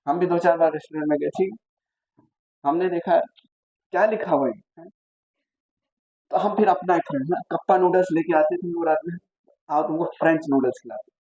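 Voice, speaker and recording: A man's voice: high voice, warm tone, lo-fi sound. A young Indian man teaching a physics class in a chatty way, asking questions and telling stories. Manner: chatty, asks students questions and tells anecdotes. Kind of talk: classroom lecture.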